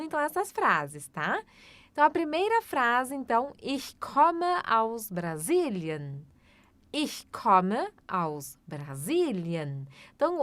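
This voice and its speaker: A woman, teaching German in a slow, patient language lesson and repeating each phrase. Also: a little high, a bit bright, no echo. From Brazil.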